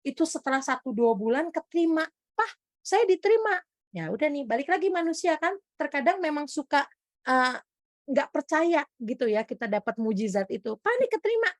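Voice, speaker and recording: A woman from Indonesia preaching a testimony sermon in a high, bright voice. She tells her story with animated energy and keeps turning to speak straight to the congregation. The sound is dry and close. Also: a little fast, no room sound.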